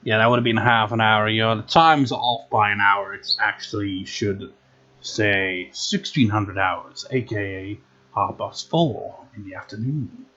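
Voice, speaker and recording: A man's voice: lowish voice, measured pace, bright, forceful tone, muffled recording. A man giving casual, rambling video game commentary in a wry, unenthusiastic manner. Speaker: gameplay video host. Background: game music.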